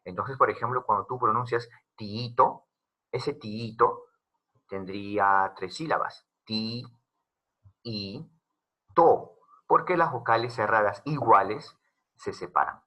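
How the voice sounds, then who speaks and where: A man's voice: lowish voice, unhurried, sharp tone. A man teaching a grammar lesson, explaining step by step and asking questions to the class.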